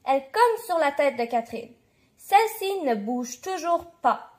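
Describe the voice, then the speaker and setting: High-voiced woman reading a bedtime story. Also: a little slow. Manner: clear, lively reading with voiced characters. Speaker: storybook reader.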